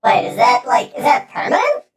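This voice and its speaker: A woman's voice: on the high side, huge pitch swings, moderate pace. A woman game streamer giving casual commentary as she plays and reads game text aloud. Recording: echoey room, faint game music behind.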